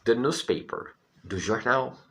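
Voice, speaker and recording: A man's voice: medium pitch, expressive, slow, a bit bright. A Brazilian man teaching English vocabulary in Portuguese, patiently repeating words and often checking in with his students.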